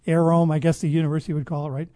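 A man speaking as a guest expert in a conversational interview, explaining at length in a measured way and often restarting his sentences. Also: fairly high pitch, flat delivery, warm tone, no room sound. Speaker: guest expert on public health.

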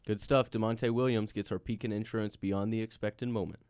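A man's voice: fairly low pitch, fairly even intonation, brisk, heavy background noise. A man hosting a sports radio postgame show, moving through texts and sponsor reads.

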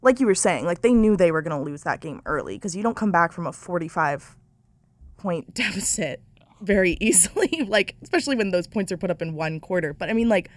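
A woman's voice: on the low side, lively intonation, brisk, dry recording. A young woman hosting a casual sports podcast, chatty and full of "like". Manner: chatty, many fillers like "like". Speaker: podcast host.

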